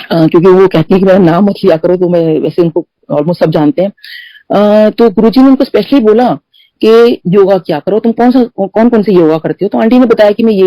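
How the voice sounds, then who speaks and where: A woman's voice: lowish voice, dark tone, dry recording, poor audio. A middle-aged woman telling personal devotional stories in a conversational way, mixing in English phrases and "you know" fillers and acting out the dialogue. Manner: storytelling that acts out quoted dialogue. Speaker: devotee sharing personal testimony. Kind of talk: conversational satsang testimony.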